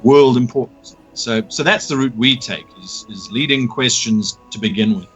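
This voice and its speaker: A man's voice: medium pitch, normal speed, fairly bright tone, lo-fi sound, faint music behind. A man explaining during a casual live show chat, with small restarts.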